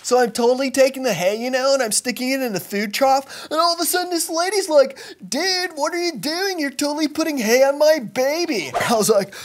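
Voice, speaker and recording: A man's voice: very high voice, a little fast, few pauses. A man playing a dim, laid-back young surfer dude who rambles slangily, saying dude and bro constantly. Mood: rambling. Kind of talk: comic monologue.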